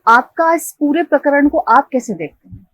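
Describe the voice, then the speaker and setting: A woman interviewer asking questions in a polite, measured way with hesitant restarts. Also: high voice, lively intonation, fairly bright tone, dry recording, rough recording.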